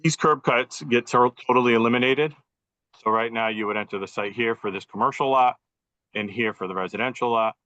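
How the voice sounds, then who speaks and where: Over a weak Wi-Fi video call, an engineer methodically takes a public meeting through a site plan in a formal presentation. He talks fairly quickly in a medium-pitched, bright and forceful voice. The captured computer audio is dull and lo-fi, with no echo.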